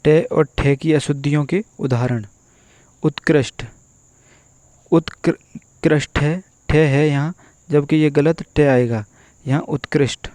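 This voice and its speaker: A man teaching an exam-prep spelling lesson, going through word after word and repeating each one slowly and methodically. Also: fairly high pitch, steady tone, a little mellow, no echo. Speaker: Hindi teacher.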